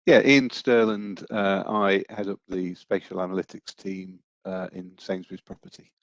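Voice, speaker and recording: A man who leads an analytics team, talking informally in a meeting with frequent halting pauses. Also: low-pitched, flat delivery, dry recording.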